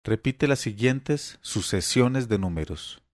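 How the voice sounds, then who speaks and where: A man voicing a patient but tired grown son who reads numbers aloud calmly, in an audiobook. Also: mid-range voice, takes it slowly, dry recording, clean studio sound. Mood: weary. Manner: calm, flat, tired. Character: patient, weary adult son.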